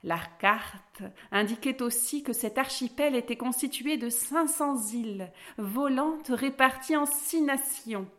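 Slow expressive woman reading a fairy tale. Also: high voice. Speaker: storyteller. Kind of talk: reading a children's story aloud.

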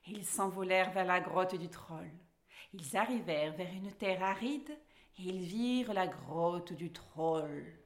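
A woman reading a children's story aloud, expressive and lively. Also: lowish voice, slow pace.

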